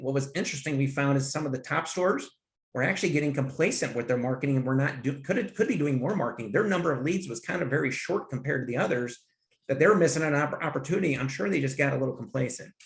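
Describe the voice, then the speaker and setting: A man with a fairly high voice speaks eagerly on a podcast, looping through restarts and little asides. The room around him is echoey. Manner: enthusiastic, rambling with restarts and "hey" asides. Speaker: guest, finance consultant. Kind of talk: conversational interview. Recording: roomy echo.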